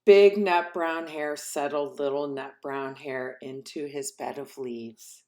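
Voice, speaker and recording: A woman reading a storybook aloud to young children in an affectionate, expressive, emphatic way. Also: low voice, slow pace. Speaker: storybook reader.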